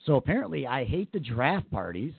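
Lively crude-joking male podcast host. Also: medium pitch, brisk, gravelly, slightly rough, no echo. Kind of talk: casual chat. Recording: dry, phone-like sound.

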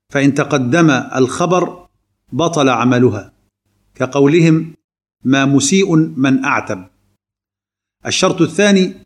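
A man teaching a recorded grammar lesson, explaining rules point by point in a didactic manner. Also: a little high. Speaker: lecturer.

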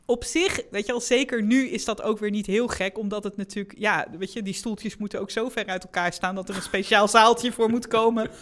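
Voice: mid-range voice, fairly even intonation, a little fast, few pauses, a bit bright. A politician talking casually about a new role, chatty and full of hesitations. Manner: chatty and hesitant, many fillers and restarts. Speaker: newly elected politician, interviewer. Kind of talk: casual conversation.

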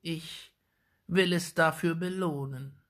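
A man voicing a spiteful old crone who mutters slyly in a creaky, croaking voice. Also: fairly high pitch, fairly even intonation, a bit bright, voice pushed up. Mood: muttering, sly. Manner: muttering, drawn-out, sly.

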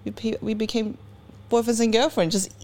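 A young woman from Sweden telling a personal story in casual podcast chat, animated and laughing often. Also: fairly high pitch, moderate pace. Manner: animated, laughs often, acts out quoted dialogue. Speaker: podcast co-host.

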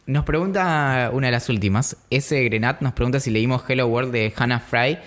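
A man's voice: mid-range voice, normal speed. Rambling Argentine man co-hosting a podcast. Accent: Argentine Spanish. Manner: rambling, self-interrupting, joking. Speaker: podcast co-host. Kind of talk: casual chat.

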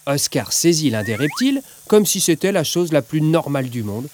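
A man narrating a children's audiobook in a lively, expressive storytelling manner. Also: a little high, normal speed, slight background noise.

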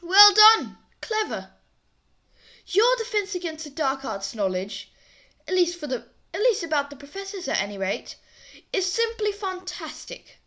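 A prim, mock-formal announcer speaks in a put-on British accent, as a woman puts her on. The voice sits high and bright, but it is delivered a little softer and more stiffly than ordinary chat. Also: sing-song, measured pace, heavily acted.

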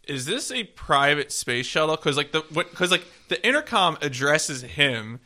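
A man co-hosting a podcast in casual chat, animated and full of questions. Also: a little high, normal speed. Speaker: podcast co-host.

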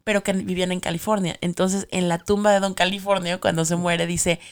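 A woman co-hosting a podcast, telling stories in an animated, expressive way. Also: lowish voice, fairly quick. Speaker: podcast co-host. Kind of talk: casual podcast chat.

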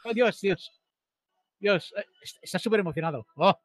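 A man from co-hosting a casual reaction chat, joking in quick banter. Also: high voice, expressive. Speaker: co-host.

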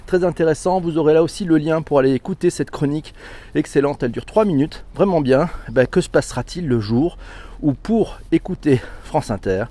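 A man hosting a podcast, chatting casually, greeting listeners and reading out their messages with animated, frequent laughter. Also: a little high, brisk. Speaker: podcast host.

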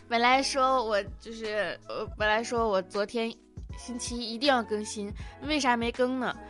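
A woman's voice: fairly high pitch, normal speed, a bit bright, soft background music. Giggly woman hosting a cozy podcast. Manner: chatty, giggly, self-mocking storytelling. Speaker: podcast host. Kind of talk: casual personal radio chat. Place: at home.

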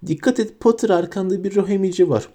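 A man's voice: high-pitched, quick pace, warm tone, voice pushed up. A man voicing an arrogant, spoiled rich schoolboy who talks in a mocking, sarcastic way. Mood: scornful.

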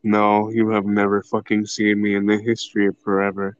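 Low-voiced crude teasing man, dull mic. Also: monotone, fairly quick, smooth, no echo. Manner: crude, teasing, swears a lot. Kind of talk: casual chat.

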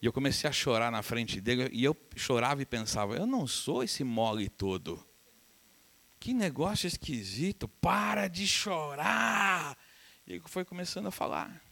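A man's voice: mid-range voice, moderate pace. A middle-aged man from Brazil preaching a sermon as pastor, telling stories and acting out the voices of the people in them. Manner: animated, acts out quoted voices, laughs with the congregation. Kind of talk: sermon with storytelling.

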